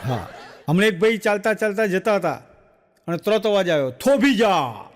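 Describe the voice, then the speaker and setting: A man with a Gujarati accent telling jokes on stage as a stand-up comedian, animated and acting out the voices in his stories. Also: high-pitched, fairly quick, big-room sound.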